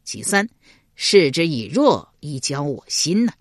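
A woman voicing a shrewd, calm male minister in a spoken historical novel, laying out plans step by step. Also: deep voice, unhurried, dry recording, studio quality, heavily acted. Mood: measured.

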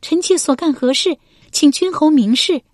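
A woman voicing a shrill, defiant young noblewoman. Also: animated, normal speed, darkish tone, no room sound, clean studio sound. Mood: evasive. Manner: shrill and pleading, rising into wails. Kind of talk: Chinese historical novel reading.

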